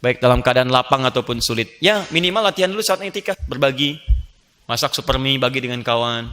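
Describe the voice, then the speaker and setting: A man preaching a lively sermon, playful and animated, joking with the audience and acting out little scenes. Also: medium pitch, a little fast. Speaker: Islamic preacher.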